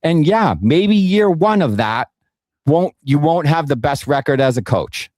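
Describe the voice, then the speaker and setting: A man's voice: fairly high pitch, expressive, measured pace, a little mellow, no echo, clean studio sound. A man co-hosting a casual sports podcast, telling stories in a laid-back, profane way. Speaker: podcast co-host.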